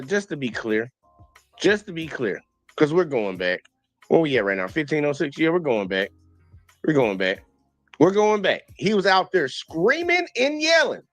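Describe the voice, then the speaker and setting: Animated man giving blunt commentary. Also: on the high side, normal speed, no room sound, faint music behind. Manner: blunt, animated, repeats himself for emphasis. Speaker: streamer reacting to a police video. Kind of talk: casual commentary.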